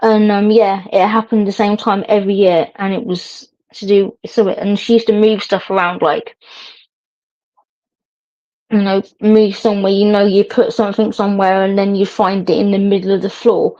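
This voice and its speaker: A woman's voice: mid-range voice, little pitch movement, normal speed, mellow. A middle-aged woman, chatting casually to viewers as a livestream host, rambling and laughing often. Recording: dull lo-fi stream audio.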